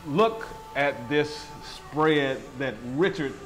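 Man, food show host, effusive and chatty, slightly high voice, restaurant table. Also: animated, drawn-out words, rough recording. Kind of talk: casual on-camera food tasting.

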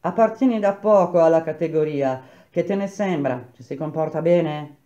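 A confident young mason, teasing and protective, a bit higher than the teller, as a man puts him on. The sound is dull and lo-fi. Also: normal speed, dark tone, close to an everyday voice.

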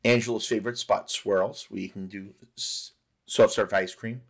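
A middle-aged man giving a relaxed, conversational voice-over narration for a cruise ship tour vlog. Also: on the low side, moderate pace, gravelly, husky. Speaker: travel vlogger.

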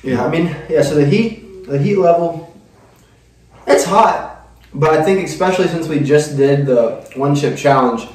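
A young man hosting a casual food challenge, talking haltingly with gasps and groans as his mouth burns from spicy food. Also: a little high, a little mellow. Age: young adult. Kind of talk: casual on-camera chat. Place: small indoor room, seated at table. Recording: echoey room, distant microphone.

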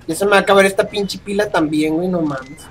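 Young Mexican male gamer, high voice, panicky screams and constant swearing, faint background noise. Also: quick pace. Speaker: gaming youtuber. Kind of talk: horror gameplay commentary.

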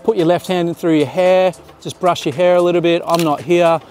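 A photographer in his thirties with a slightly high, mellow voice speaks fairly quickly in a steady tone on a beach jetty. He casually explains his shots and directs a model in behind-the-scenes commentary, with soft music in the background.

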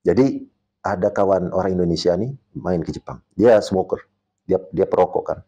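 A man's voice: deep voice, moderate pace, warm tone, slightly rough. A man, a martial arts coach, talking on a podcast and telling a story, acting out the people he quotes and dropping English words into his speech. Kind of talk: casual podcast talk.

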